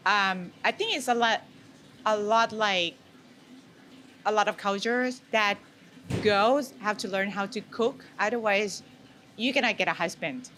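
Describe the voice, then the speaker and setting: Speaking unhurriedly with long pauses, a woman from Thailand uses a mid-range, somewhat bright voice and a Thai accent. She's a food maker being interviewed, chatting openly and informally amid herbs and flowers on an indoor farm, and the background noise is clear.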